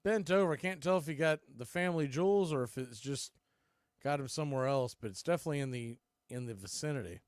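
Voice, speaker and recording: In a dry, studio-quality recording, an American man does live play-by-play for a baseball game, speaking fast in a mid-range voice. He mixes the commentary with folksy, conversational asides.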